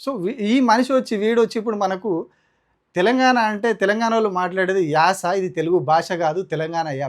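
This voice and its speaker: A man with a Telangana Telugu accent and a high-pitched voice delivers a combative opinion rant. He argues indignantly, piling up rhetorical questions as a political commentator. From Telangana, India.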